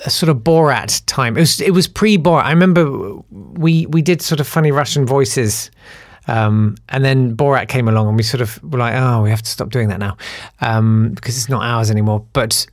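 A man's voice: mid-range voice, normal speed, no room sound, studio quality. A man hosting a podcast, telling a rambling, self-deprecating anecdote with many fillers and restarts. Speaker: podcast host. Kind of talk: casual anecdotal monologue.

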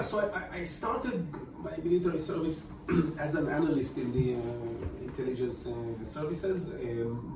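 A man in his forties, born in Romania, answering interview questions in a halting way with many filler pauses. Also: mid-range voice, creaky. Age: 40s. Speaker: guest expert. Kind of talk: podcast interview. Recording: echoey room, distant mic, noisy.

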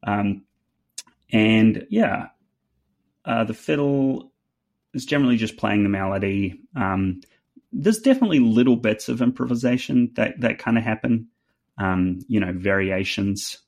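Gravelly New Zealand man, halting talk. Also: on the low side, expressive, a little mellow. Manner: halting, many fillers and restarts. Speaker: fiddle player guest. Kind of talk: casual interview chat.

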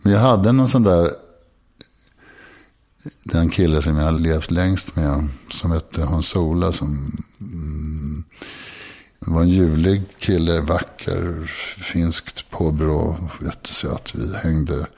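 Low husky man, frank and halting. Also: darkish tone. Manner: frank, confessional, halting with many restarts. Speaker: guest. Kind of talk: candid personal conversation.

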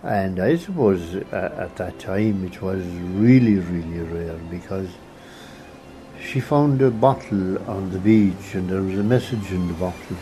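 An older Irish man with a Kerry accent reminiscing in a hesitant, halting way. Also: low voice, mellow, a little hiss or hum. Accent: County Kerry, Irish. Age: 60s or older. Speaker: interviewee. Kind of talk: unscripted reminiscence.

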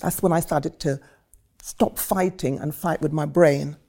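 A woman's voice: low voice, steady tone, a little slow, warm tone. A woman in her seventies from Trinidad, a guest telling her life story in vivid, rhetorical phrases. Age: 70s. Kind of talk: reflective personal storytelling.

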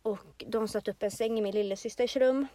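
A woman's voice: fairly high pitch, steady tone, warm tone, no room sound. A young woman from Sweden, co-hosting a podcast, earnestly and reflectively telling a personal story in casual chat. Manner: earnest, slow and reflective retelling. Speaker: podcast co-host.

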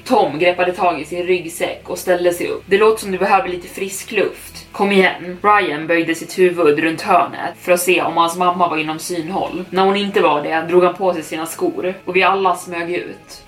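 A woman narrates a scripted horror tale in a calm, even way. Her voice sits on the low side for a woman. She sounds slightly distant from the microphone. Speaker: storyteller.

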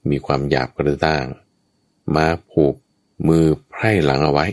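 Low-voiced man telling a scripture tale. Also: flat delivery, normal speed, a little mellow, dry recording, studio quality. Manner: addresses listeners directly, chatty asides. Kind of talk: storytelling Dhamma talk.

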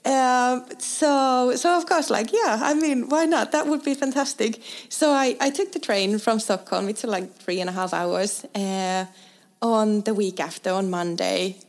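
A woman's voice: on the high side, a little slow. Young woman chatting in an interview, lots of ums and restarts, laughs easily. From Finland. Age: young adult. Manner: laughing, hesitant with many fillers and restarts. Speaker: guest designer. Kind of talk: casual interview storytelling.

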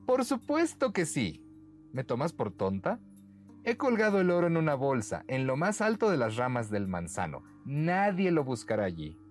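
A man's voice: medium pitch, huge pitch swings, normal speed, soft background music, voice pushed up. A man voicing a clever, sly young peasant woman in a bedtime story, speaking sweetly and teasingly. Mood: loud, theatrical. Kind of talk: storybook character voice.

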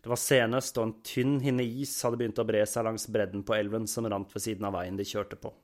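A man giving scripted history narration in a measured storytelling manner. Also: fairly low pitch, flat delivery, darkish tone. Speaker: podcast narrator.

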